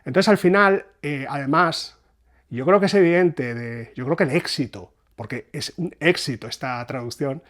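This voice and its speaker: Higher-voiced man explaining verse. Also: normal speed, a bit bright. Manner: thoughtful, hesitant, often restarts phrases. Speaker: literary translation reviewer. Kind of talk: unscripted explanatory talk.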